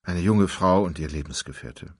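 A man reading an audiobook, playing a weary male detective who reports grimly and haltingly. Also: low-pitched, slightly rough, dry recording, studio quality. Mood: grave. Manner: halting, somber.

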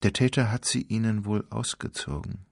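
A man reading an audiobook, playing a weary male detective who reports grimly and haltingly. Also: fairly low pitch, fairly even intonation, creaky, slightly rough, dry recording, studio quality. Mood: grave. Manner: halting, somber.

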